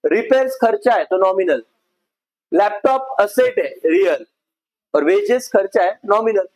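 A man's voice: high voice, animated, unhurried, a little mellow, rough recording. A male accounts teacher giving a classroom lecture, explaining step by step and checking in with his students. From India.

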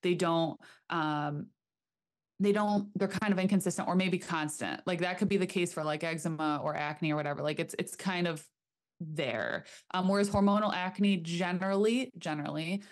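A young woman, a chiropractor, explaining health topics earnestly in an interview from a home room on a desk mic. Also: lowish voice. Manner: earnest, explanatory, speaks fast in runs. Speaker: chiropractor guest. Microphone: desk studio mic, remote call.

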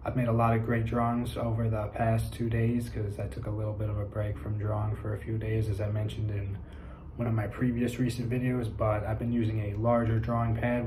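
Casual young male vlogger, mellow flat voice, echoey room, upbeat ramble. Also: fairly low pitch. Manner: upbeat, chatty, a bit rambling. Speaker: vlogger showing his drawings. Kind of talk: casual chat. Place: indoor room with brick wall. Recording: echoey room, faint noise.

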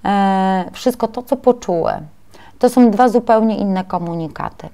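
A woman presenting a webinar lecture to preschool teachers, often pausing with filler sounds as she explains her slides. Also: medium pitch, mellow, smooth.

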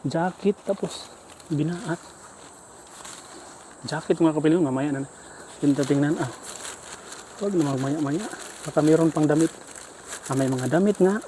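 A man's voice: a little high, unhurried, long pauses, mellow, slight background noise. A Filipino man talking to his viewers while he digs through trash bins outdoors in the heat, out of breath and sweaty. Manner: chatty, addresses viewers often. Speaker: vlogger. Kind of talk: casual vlog narration while dumpster diving. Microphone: self-filmed camera.

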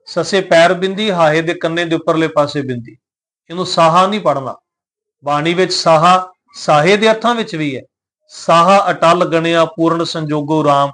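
Man teaching slow scripture recitation. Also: a little high, fairly bright tone. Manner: slow measured chanting of verses, then plain explanation; patient, instructive, repeats pronunciation points.

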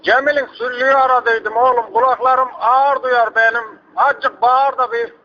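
A man speaks at normal speed in a very high, bright, forceful voice with fairly even intonation, acting as a hard-of-hearing old uncle from a village. The prank call, captured in dull lo-fi quality, has him rambling, insisting, repeating himself, and asking people to speak up.

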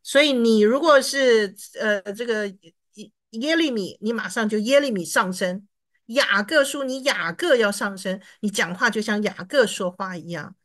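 A woman teaching an online reading class, encouraging her students and sounding out English words slowly. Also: medium pitch, fairly bright tone. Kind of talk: online lesson.

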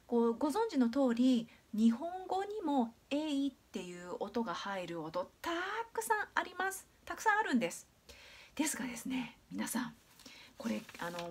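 In a medium-pitched voice, a Japanese woman leads a video lesson in English pronunciation. She slowly and clearly demonstrates sounds with patience, dragging out frequent fillers.

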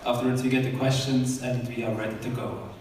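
Man, timekeeper at an event, direct instructions, mid-pitched, echoey hall, far from the mic. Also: level tone, a little fast, darkish tone. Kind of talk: announcement to an audience. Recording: echoey hall, speaker far off, faint noise.

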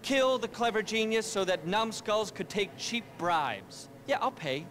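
An actor playing an arrogant, manic middle-aged tech billionaire in a video game, pompous, as if giving a keynote speech. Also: male voice, sits high, very animated, a little slow, a bit bright, heavily acted. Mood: paranoid, self-pitying. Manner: pompous, self-important, keynote-speech delivery.

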